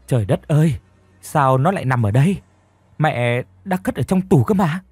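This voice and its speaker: Brief: a startled middle-aged mother in an audiobook story, lively and husky, as a male reader puts her on. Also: medium pitch, moderate pace, no room sound, faint music behind. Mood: alarmed. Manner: exclaiming, stammering.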